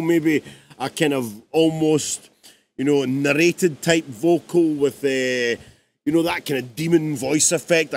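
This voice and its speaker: A man's voice: a little high, vocal fry, a little hiss or hum. A man, a music producer, talks casually through his song in a live-streamed production tutorial, chatty and rambling.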